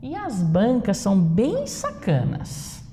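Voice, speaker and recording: A woman teacher with a Brazilian Portuguese accent, giving a grammar lesson slowly and emphatically, posing rhetorical questions. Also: mid-range voice, huge pitch swings, dark tone, a little hiss or hum. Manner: slow, drawn-out emphatic explanation with rhetorical questions. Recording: echoey room with long reverb.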